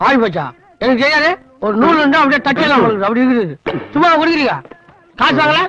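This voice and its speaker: An actor playing a penniless, cheeky small-town man who bluffs and complains loudly in a film comedy scene. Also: extremely high pitch, expressive, quick pace, full character voice. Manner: loud, whiny, comically exaggerated complaining. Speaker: comic lead in a film scene. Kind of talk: Tamil film comedy acting. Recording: slightly dull film soundtrack with music.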